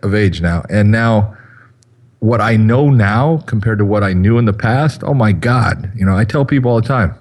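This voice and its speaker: A man in his fifties talks on a podcast with a lowish voice, rambling from thought to thought and padding his lines with fillers. He sounds easygoing and conversational. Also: moderate pace, a little mellow, slight background noise. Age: 50s. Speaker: podcast co-host. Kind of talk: casual chat.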